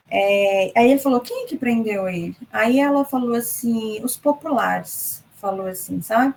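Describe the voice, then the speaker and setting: A woman's voice: medium pitch, slight background noise, rough recording. A Brazilian woman leading a casual Bible study from her home office, mixing personal stories with scripture in a chatty way full of little asides. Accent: Brazilian Portuguese. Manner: chatty, peppered with "né" and "sabe". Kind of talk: casual devotional talk and personal testimony.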